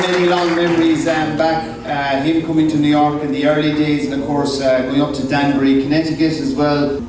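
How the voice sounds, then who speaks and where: Irish male MC, informal and halting, recorded far off in a very reverberant room with crowd noise. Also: on the high side. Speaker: master of ceremonies. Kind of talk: informal live event hosting. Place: hotel function room with live audience. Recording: echoey hall from afar, noisy audience.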